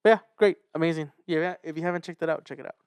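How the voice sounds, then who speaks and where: Laid-back man with a smooth voice. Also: rapid-fire, no echo, clean studio sound. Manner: laid-back, low-key, often quiet. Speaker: podcast co-host. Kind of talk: casual chat.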